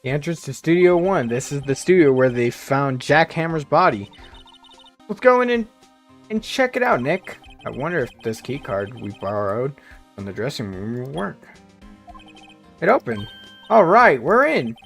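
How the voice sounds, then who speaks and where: A man voicing a cheerful, excitable young woman who gushes over everything around her, with faint game music behind. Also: mid-range voice, normal speed, gravelly. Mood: excited. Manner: bubbly, gushing, easily thrilled.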